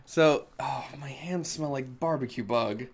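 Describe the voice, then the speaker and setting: A man's voice: mid-range voice, a little slow, husky. A man co-hosting a live gaming show, chatting casually and rambling, self-deprecating and losing his train of thought. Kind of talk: casual live-stream chat.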